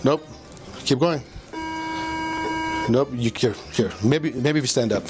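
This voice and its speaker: A man's voice: mid-range voice, a little slow, background noise. A middle-aged male police officer coaching someone through a breath test with short, repeated commands. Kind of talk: bodycam field recording. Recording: bodycam audio under loud music.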